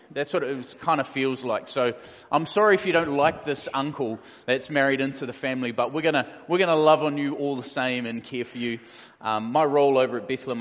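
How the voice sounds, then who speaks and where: A man of about forty-something from New Zealand, a pastor, chats casually to his church in the hall, relaxed and joking with plenty of fillers. His voice has a medium pitch and a fairly bright tone, and the lo-fi recording sounds dull and echoey.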